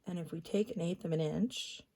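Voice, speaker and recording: Gravelly woman demonstrating card crafts. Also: lowish voice, moderate pace. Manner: chatty, thinks aloud, drops into soft asides. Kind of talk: crafting tutorial.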